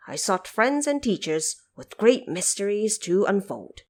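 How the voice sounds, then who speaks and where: Woman voicing a brash, high-pitched monkey king. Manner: boastful, declamatory. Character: brash, defiant immortal monkey king, boastful and hot-tempered. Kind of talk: audio drama character acting.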